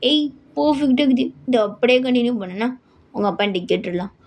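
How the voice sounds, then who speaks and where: A woman's voice: a little high, animated, fast talker, a little mellow. A woman voicing a menacing young man who wants revenge, speaking in threats and mockery. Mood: threatening. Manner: threatening, mocking.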